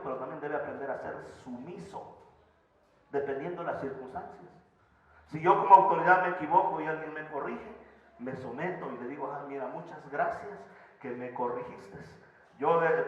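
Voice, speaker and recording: A pastor preaching a sermon in a church, swinging from loud emphasis to soft, quiet asides. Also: male voice, on the high side. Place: church sanctuary. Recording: echoey church hall, slightly dull sound.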